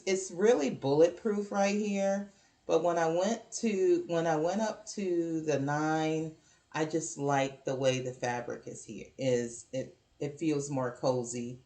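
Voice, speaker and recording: Low-pitched, unhurried woman host, chatty and apologetic, echoey home room. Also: darkish tone. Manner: chatty, apologetic, rambling with ums and restarts. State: hiccups. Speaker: knitting podcast host. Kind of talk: casual show-and-tell chat.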